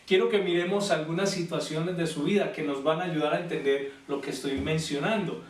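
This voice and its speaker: A man's voice: on the high side, steady tone, a little fast. A man preaching a youth service sermon, telling stories and asking the listeners questions. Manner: storytelling, acting out biblical quotes, asks the listeners questions. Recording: echoey room, voice from a distant mic.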